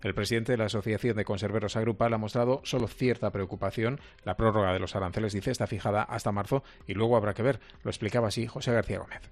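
A man presenting regional radio news, reading in a brisk, steady newsreader manner. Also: fairly low pitch.

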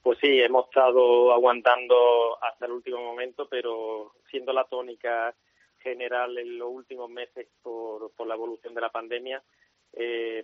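A man, a sports event organizer, answering a radio interview over the phone in a steady, matter-of-fact way. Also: mid-range voice, no room sound. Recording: tinny phone line.

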